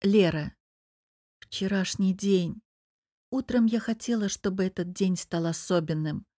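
A woman reading a first-person audiobook in an even, measured storytelling voice. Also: mid-range voice, no room sound, clean studio sound. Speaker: audiobook narrator.

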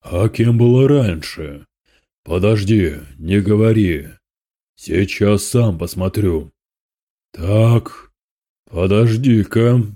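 A man's voice: fairly low pitch, slow, mellow, pitched below the performer's own voice. A man voicing a hissing demon lord. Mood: menacing. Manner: hissing, scornful, gloating. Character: spiteful male demon lord, menacing.

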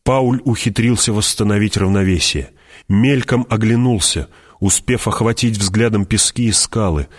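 A man narrating an audiobook in a measured, dramatic way, dropping his voice and slowing down at tense moments. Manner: measured, drops voice low and slows on tense moments.

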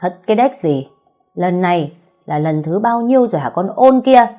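A brutal, tattooed thug, as a woman storyteller puts him on, barking threats loudly. The voice stays husky and dark in tone. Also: mid-range voice, expressive, moderate pace, soft background music, natural voice. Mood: menacing. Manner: loud, threatening, rude. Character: tattooed male debt collector, brutal and threatening. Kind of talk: audiobook storytelling.

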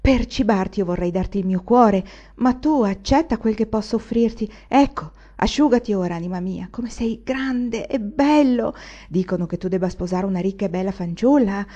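A woman's voice: medium pitch, normal speed, warm tone, natural voice. A woman voicing an old widow who dotes on a young man she has not seen in years, pleading and affectionate in a dull recording. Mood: pleading, doting.

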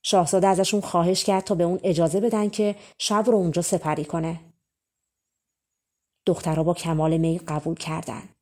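A woman with a fairly low voice reads a fairy tale aloud as an audiobook narrator. She tells it gently, in an easygoing storytelling way. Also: flat delivery. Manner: gentle storyteller, colloquial Persian.

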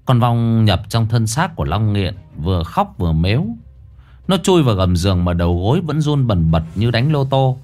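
Lively male horror storyteller. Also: on the low side, normal speed. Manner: colloquial, crude, dramatic.

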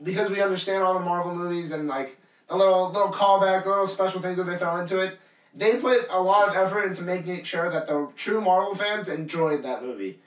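A man's voice: high-pitched, brisk, reverberant, distant mic. A young man co-hosting a casual podcast, rambling with lots of fillers. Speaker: podcast co-host.

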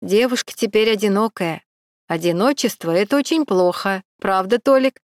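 A woman's voice: mid-range voice, moderate pace, a little mellow, dry recording, clean studio sound, natural voice. A woman doing a sneering drunk young thug. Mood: mocking. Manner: sneering, mocking. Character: tipsy mocking young male street thug.

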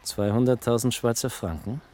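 An actor playing a guarded man who questions a woman about a rich man's past, in a calm, probing way, in a radio play. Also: mid-range voice, normal speed, lightly acted.

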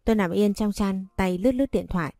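A woman narrating a romance story in the first person, reading in an even, unhurried way. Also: medium pitch, no room sound, studio quality.

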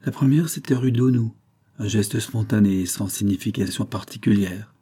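Low, husky male audiobook narrator. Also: normal speed, dark tone. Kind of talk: scripted novel narration.

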